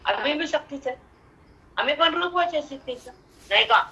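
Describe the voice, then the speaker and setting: Bright-voiced older Marathi woman teaching. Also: high voice, rough recording. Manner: chants verses slowly, then explains in lively spoken asides. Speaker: spiritual teacher expounding scripture. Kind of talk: devotional discourse.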